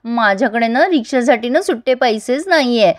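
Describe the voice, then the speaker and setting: A woman's voice: expressive, normal speed, no room sound, studio quality, close to an everyday voice. A woman doing a coaxing older wife. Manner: wheedling, pleading, high and insistent.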